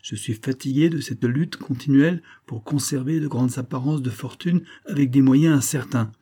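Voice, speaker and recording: A man's voice: medium pitch, normal speed, mellow, breathy edge, pitched above the performer's own voice, lightly acted. A man reading the part of a bored, spiteful married woman, weary, sardonic and impatient, in an audiobook.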